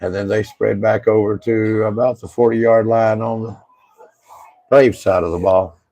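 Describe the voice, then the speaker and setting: A man with a hoarse voice calling a high school football game for local radio in a folksy, easygoing way. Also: fairly even intonation, measured pace, mellow, no echo, poor audio. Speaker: play-by-play announcer.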